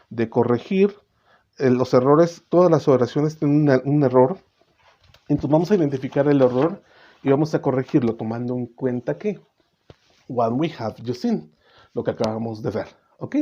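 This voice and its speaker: A man teaching English grammar in a bilingual class, often checking in with "ok?" and slowing down to model English words. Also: medium pitch, warm tone. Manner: switches between Spanish and English, checks in with "¿ok?". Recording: slightly dull recording with faint noise.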